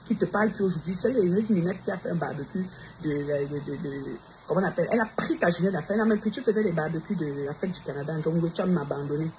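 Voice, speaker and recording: A woman's voice: fairly low pitch, fast, hardly any pauses, darkish tone. Defiant woman. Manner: defiant, addresses rivals directly with repeated challenges. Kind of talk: confrontational livestream rant. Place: Montreal. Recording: noisy background ambience.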